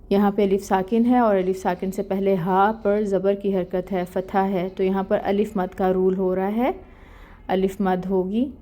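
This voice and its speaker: A woman's voice: medium pitch, warm tone. A woman teaching Quran recitation rules, explaining each letter patiently and step by step. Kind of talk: step-by-step tajweed lesson.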